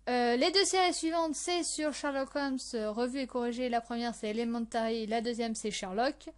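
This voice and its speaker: A young woman chats casually about her favourite shows on a podcast. Her voice sits a little high, and she hesitates a lot, with many fillers and restarts. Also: steady tone, moderate pace, smooth. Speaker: podcast host.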